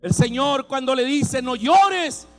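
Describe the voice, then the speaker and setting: A male pastor preaching with a very high voice, at a slow, drawn-out pace. He swings between fervent shouts and quiet, intimate lines. A long reverb from a large church hall carries his voice over faint music. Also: lively intonation. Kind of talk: sermon.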